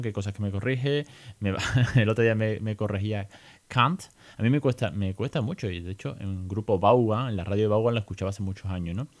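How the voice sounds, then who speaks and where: A man with a Spain accent hosting a podcast, talking in a lively, chatty way and mixing in English phrases. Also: fairly low pitch. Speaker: podcast host. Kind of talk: casual podcast monologue.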